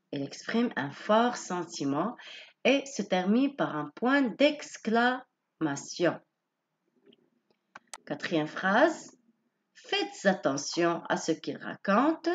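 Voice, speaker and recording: A woman giving a patient grammar lesson, explaining each point slowly and rephrasing it several times. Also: mid-range voice, muffled recording. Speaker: teacher.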